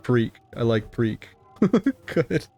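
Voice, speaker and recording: A man's voice: mid-range voice, big pitch swings, very slow, mellow, soft background music. A man casually commenting on his gameplay during a live stream, rambling and chatty, laughing often and swearing casually.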